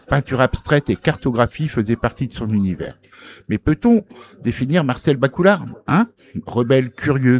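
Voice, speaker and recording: Higher-voiced man giving a scripted review. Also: darkish tone. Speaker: comics reviewer on a radio show.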